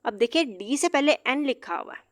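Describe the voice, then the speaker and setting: A woman gives a patient, explanatory lesson, repeating each example word slowly and carefully. Her voice sits a little high. The sound is dry and close, with little room in it. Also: expressive, no echo. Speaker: English teacher.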